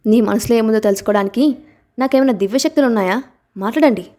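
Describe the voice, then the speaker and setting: A woman reading an audiobook aloud and voicing an emotional young wife who is quick to protest, her pitch and volume lifting a little above her narration. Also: mellow, lightly acted. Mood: indignant.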